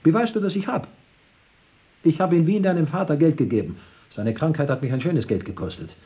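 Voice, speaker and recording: An actor playing a rich, stingy older uncle who grumbles about money and flares up loudly in a radio drama. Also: male voice, low-pitched, lively intonation, normal speed. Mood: indignant. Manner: grumbling, flares into loud outbursts.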